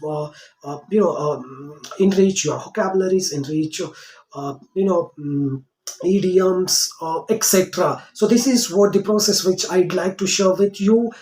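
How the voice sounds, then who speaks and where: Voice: mid-range voice, darkish tone. A teacher giving a lesson, explaining step by step and repeating key phrases. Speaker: English teacher. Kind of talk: spoken English lesson to camera. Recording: roomy echoing room.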